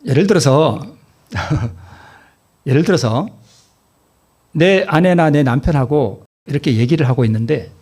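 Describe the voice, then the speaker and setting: A man's voice: a little high, unhurried, pauses often, a little mellow. A male pastor preaching a sermon, asking the congregation questions and answering them himself, and repeating key phrases for emphasis.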